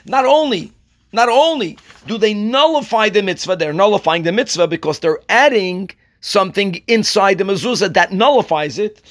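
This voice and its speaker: Male religious teacher, notably high voice, explains texts line by line with emphatic, deliberate repetition. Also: a bit bright. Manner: emphatic, deliberate, repeats key phrases for stress. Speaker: rabbi teaching religious law. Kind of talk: religious lesson, reading and explaining a text.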